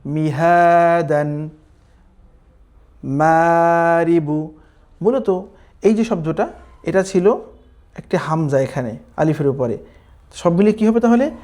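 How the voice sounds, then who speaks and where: Dark-toned man teaching Quran reading, unhurried, drills syllables, checks understanding often. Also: a little high. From Bangladesh. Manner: slow drawn-out recitation drills, then brisk explaining with "কেমন?" checks. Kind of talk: recorded online class.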